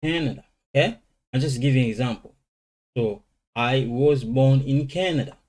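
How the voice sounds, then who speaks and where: Man, Lingala speaker, beginner English lesson, slow word drilling, mellow tone. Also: medium pitch. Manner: switches between languages, slow drilling of English words. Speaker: language teacher. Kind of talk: informal vocabulary lesson.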